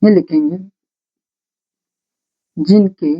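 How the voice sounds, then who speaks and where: A grammar teacher dictating notes slowly, repeating phrases word by word and asking questions before answering them. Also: mid-range voice, breathy edge. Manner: slow, repetitive dictation, breaking sentences into single words. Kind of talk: blackboard-style grammar lesson, dictating notes. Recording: dull lo-fi recording.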